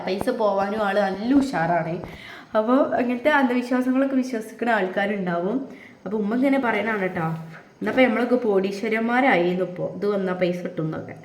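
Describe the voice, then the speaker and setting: A woman, casually chatting to viewers step by step while making crafts at home. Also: medium pitch. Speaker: family vlogger. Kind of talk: casual crafts vlog chat.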